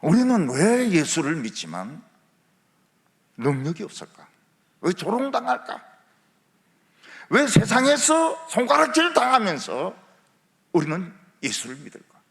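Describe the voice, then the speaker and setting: A man's voice: high-pitched, sing-song, unhurried, gravelly, pauses often, a bit bright. A male pastor preaching a revival sermon, asking rhetorical questions and mixing in humor. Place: large church sanctuary. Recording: long church hall reverb.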